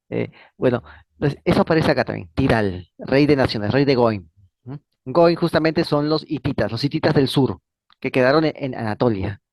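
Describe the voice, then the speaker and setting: Man, channel host, casual history talk, rambling, repetitive, tag questions, mid pitch, dry sound. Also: darkish tone, no echo. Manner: rambling, repeats words, ends phrases with "¿no?"; frequent fillers and restarts.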